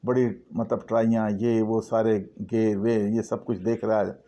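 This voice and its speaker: A man telling a story in a casual, dramatic way, acting out the lines in a hushed voice. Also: lowish voice, little pitch movement. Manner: dramatic, acts out dialogue in hushed voice. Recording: dull lo-fi recording.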